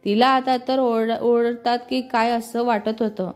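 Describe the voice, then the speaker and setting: Steady woman storyteller over soft music. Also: fairly high pitch, unhurried. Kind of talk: scripted story narration. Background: faint music.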